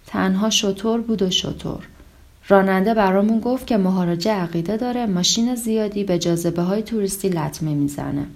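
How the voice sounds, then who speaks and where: A woman narrating a translated story in a calm, even reading voice, lightly voicing the dialogue. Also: mid-range voice. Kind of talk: scripted audiobook narration.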